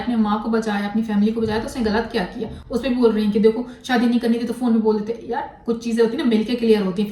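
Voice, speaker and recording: A woman vlogger delivers blunt, scolding commentary on a controversy, mixing English words into her speech. Her voice is mid-range and a little mellow. She sounds distant and off-mic in an echoey room.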